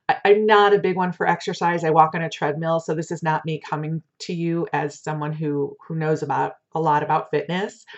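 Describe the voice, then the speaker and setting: A woman giving a casual spiritual card reading like a fortune teller, talking in a conversational, gently reassuring way. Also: deep voice, creaky. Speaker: oracle card reader. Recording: dull lo-fi sound.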